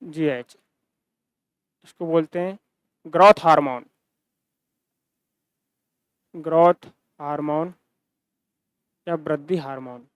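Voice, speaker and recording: A man's voice: a little high, slow pace, pauses often, clear, resonant tone, no room sound. A man teaching a science lecture, repeating key terms and asking and answering his own questions. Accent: Hindi-speaking Rajasthan region. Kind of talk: recorded classroom-style lecture.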